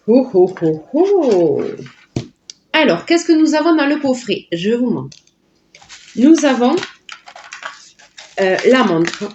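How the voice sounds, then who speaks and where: Unhurried woman vlogger, chatty, slightly high voice, muffled lo-fi sound. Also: a little mellow, a little hiss or hum. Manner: chatty and delighted, full of filler words. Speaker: vlogger unboxing a product. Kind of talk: casual sponsored unboxing chat.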